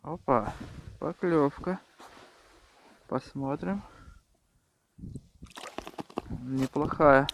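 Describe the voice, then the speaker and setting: A man giving casual, unhurried commentary on his own fishing in short muttered remarks, recorded outdoors with wind on the mic. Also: fairly high pitch, creaky. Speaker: angler filming own fishing vlog.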